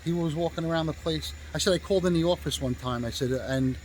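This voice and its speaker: A man's voice: a little high, quick pace, a little hiss or hum, poor audio. A male real estate agent telling a story in a casual, rambling way, swearing freely and stopping often to restart with fillers.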